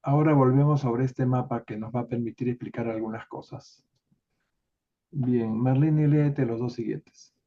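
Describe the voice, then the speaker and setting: A man leading an online study group, explaining a text in an unhurried way with many tag questions, over a video call. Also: mid-range voice, steady tone. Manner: unhurried, adds filler tags and restarts. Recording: dull lo-fi call audio.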